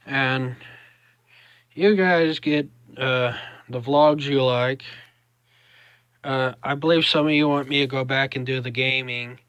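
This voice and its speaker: A young man with a Southern US drawl, chatting casually to camera in a halting, rambling vlog style. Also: mid-range voice, steady tone, a bit bright, smooth, dry recording, lo-fi sound. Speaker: vlogger.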